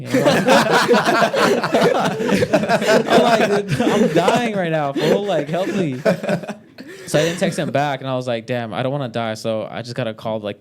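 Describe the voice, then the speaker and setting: A man's voice: medium pitch, darkish tone. A young man telling a story in casual podcast chat, rambling and swearing with many fillers.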